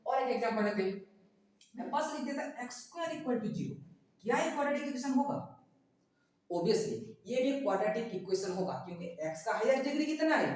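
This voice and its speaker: A male maths teacher giving a whiteboard lesson, who keeps asking questions and then answering them himself. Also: very high voice. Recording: very echoey room, far from the mic.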